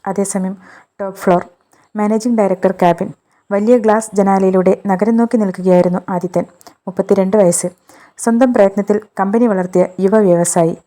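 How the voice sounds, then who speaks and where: A woman narrates a scripted romance in a steady, measured way. Her voice is mellow and soft-edged, sitting at an ordinary pitch for a woman. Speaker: storyteller.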